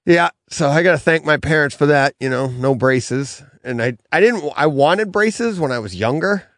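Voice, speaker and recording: A man's voice: fairly high pitch, lively intonation, moderate pace, fairly bright tone, dry recording, clean studio sound. Middle aged guy telling a story on a podcast, lots of laughing, bouncy voice all over the place. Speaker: podcast co-host. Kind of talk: casual chat, storytelling. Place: comic bookstore.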